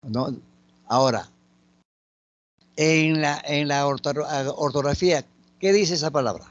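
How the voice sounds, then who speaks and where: A man teaching a lesson on letters and sounds, slowly and patiently listing example words one by one. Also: on the high side, no room sound, highs cut off. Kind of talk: spoken grammar lesson.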